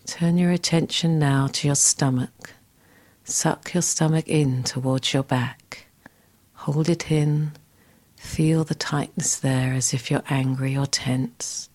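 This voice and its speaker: A woman guiding a scripted relaxation exercise in a soft, soothing, breathy, near-whispered voice. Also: low voice, fairly even intonation, slow pace. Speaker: relaxation guide.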